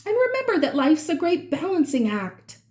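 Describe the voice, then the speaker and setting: A woman with a high-pitched voice reads a rhyming picture book aloud to children. Her delivery is expressive and dramatic, and she stretches out key words as she follows the verse. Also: normal speed. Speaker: children's read-aloud reader.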